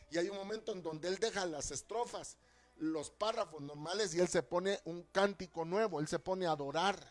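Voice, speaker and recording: A man's voice: high voice, a little mellow. A man preaching a fervent sermon as pastor, often calling listeners brother, with a Guatemalan Spanish accent.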